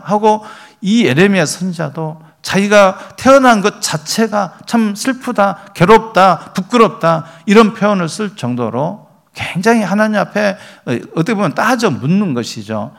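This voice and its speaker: A man's voice: a little high, creaky. A man preaching a sermon as pastor, reading scripture aloud and building emphasis.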